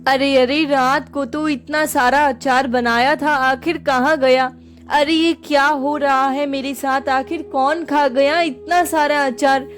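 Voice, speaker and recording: A woman's voice: high voice, fairly even intonation, slow. A woman voicing an old village pickle seller who talks in fussy exclamations. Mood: bewildered.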